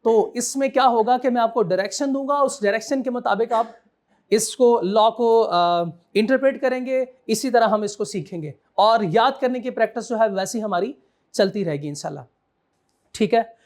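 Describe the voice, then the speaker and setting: A man's voice: extremely high pitch, moderate pace. A man giving a classroom law lecture, quizzing students and repeating his key points.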